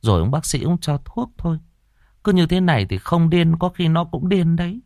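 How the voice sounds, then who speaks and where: A man's voice: on the high side, normal speed, darkish tone, no echo, clean studio sound, voice pushed up, lightly acted. A man voicing a worried elderly grandmother who coaxes her son-in-law.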